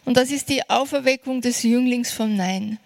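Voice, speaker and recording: A woman preaching a sermon, earnest and encouraging, slowing down for emphasis. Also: on the high side, vocal fry.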